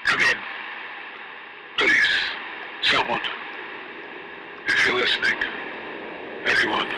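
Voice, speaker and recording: A man playing a lone stranded survivor who pleads desperately for help over a distant sci-fi radio communicator. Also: slow pace.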